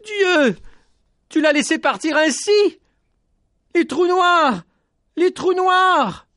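A man voicing an anguished young man who shouts and sobs in desperate grief. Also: extremely high pitch, animated, slow pace, no room sound, studio quality, pitched above the performer's own voice, full character voice. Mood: despairing. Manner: shouting, sobbing, desperate pleading.

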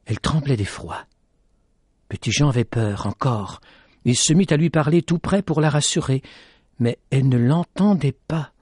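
A man's voice: medium pitch, animated, normal speed, a little mellow, breathy edge, dry recording. Radio guy narrating a story, dramatic reading, dry close sound.

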